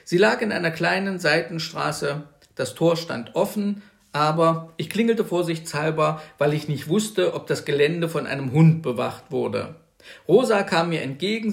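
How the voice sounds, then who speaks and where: A man reading a novel aloud, telling a first-person story in an animated way. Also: a little high, gravelly, reverberant. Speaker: reader. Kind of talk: literary reading.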